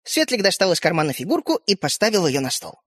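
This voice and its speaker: A woman reading a children's story aloud, her pitch rising and falling in a lively, expressive way. Her voice sounds close and dry, with no room around it. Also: quick pace, slightly rough, no echo. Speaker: narrator. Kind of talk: audiobook narration for children.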